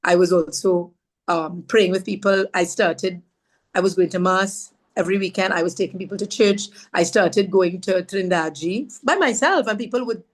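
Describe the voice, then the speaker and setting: A woman tells her story as a podcast guest, speaking at a middling pitch. She is earnest and pauses often, and she brings others' words to life as she recounts them. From Trinidad and Tobago. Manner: halting, with fillers and restarts. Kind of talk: conversational personal storytelling.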